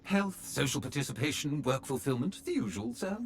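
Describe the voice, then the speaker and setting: A man's voice: a little high, animated, brisk, creaky, a little hiss or hum. A man voicing a polite, fawning male butler robot in a video game, formal and deferential, always calling his master sir. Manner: obsequious, addresses master in third person as sir.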